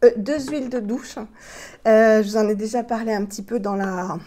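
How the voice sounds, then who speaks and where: A middle-aged woman with a warm, mellow voice talks through skincare products for her vlog. She is slightly out of breath and speaks in a chatty, unhurried way, full of little fillers and restarts. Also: fairly high pitch, fairly even intonation. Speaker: beauty vlogger. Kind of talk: casual product review. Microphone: plugged-in microphone.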